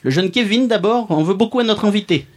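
A man's voice: sits high, fast talker, close to an everyday voice. Male performer as a pompous, sardonic podcast columnist, mock-serious comic roast. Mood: smug, mocking. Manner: mock-pompous, sardonic, chuckling at own jokes.

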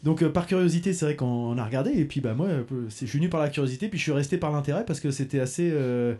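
A man's voice: on the high side, fast talker, warm tone. A man from Normandy hosting a podcast, interviewing an artist at a festival with a hesitant, chatty delivery full of fillers. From Normandy, France. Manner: hesitant, friendly, many fillers. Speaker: podcast host. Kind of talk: casual interview. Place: outdoor music festival.

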